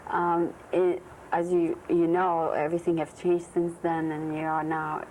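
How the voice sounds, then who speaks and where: A woman's voice: fairly low pitch, completely flat delivery, unhurried, a little mellow. A woman host from Tunisia interviewing a guest on a local TV show, speaking hesitantly and searching for her words. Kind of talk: studio interview. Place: TV studio. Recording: noisy early-1990s TV audio.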